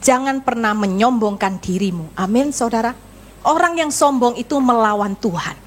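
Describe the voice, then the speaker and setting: A woman pastor preaching a sermon to a congregation, telling lively personal stories with rhetorical questions. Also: a little high, normal speed, slight background noise. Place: church service.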